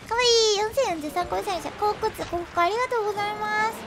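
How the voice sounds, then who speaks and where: A woman live-streaming a game, chatting casually, greeting and thanking viewers and grunting as she plays, with loud game music behind her. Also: very high-pitched, very fast, heavy background noise. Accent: Japanese.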